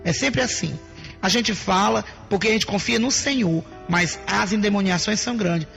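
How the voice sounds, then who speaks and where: A woman's voice: mid-range voice, normal speed, vocal fry, a bit bright, soft background music. A woman preaching her personal testimony in an emphatic way, often calling out to her listeners as brothers and sisters.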